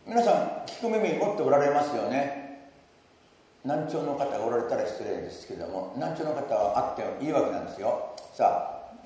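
A pastor delivers a sermon in a mellow, mid-pitched man's voice. He leans hard on key words and draws the congregation in to repeat after him. The sound comes from a distance, and a long echo rings through the sanctuary. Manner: earnest, stresses key words with lifts in pitch and volume; leads the congregation in repeating a verse. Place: church sanctuary. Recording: echoey church hall, mic at a distance.

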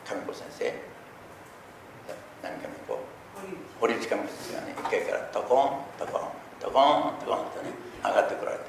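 A middle-aged man preaching a sermon, talking earnestly and swelling loudly on key points. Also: on the low side. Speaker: pastor. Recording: echoey room with faint noise.

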